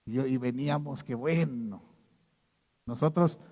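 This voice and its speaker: Animated Mexican pastor in a reverberant hall. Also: male voice, fairly high pitch, unhurried. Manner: animated storytelling with repeated "¿sí?" checks. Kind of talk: sermon.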